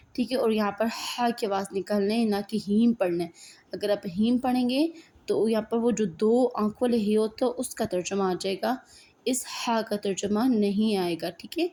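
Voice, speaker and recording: Woman, recitation teacher, mellow voice, patient step-by-step lesson, asks and answers her own questions. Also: medium pitch. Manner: asks questions and answers them herself, checks with "right?"; recites slowly and drawn out as examples. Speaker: tajweed teacher.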